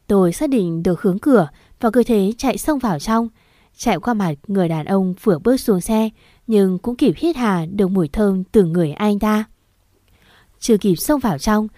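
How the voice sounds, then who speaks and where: A woman's voice: mid-range voice, dark tone, no echo. Woman narrating a story, dry close sound. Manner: acts out the dialogue, pleading cries. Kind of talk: first-person story narration.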